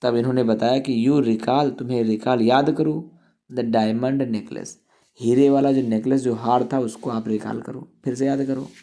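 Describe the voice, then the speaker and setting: A man's voice: mid-range voice, steady tone, measured pace, warm tone. A male teacher explaining an English story line by line, reading each sentence and then glossing it in Hindi.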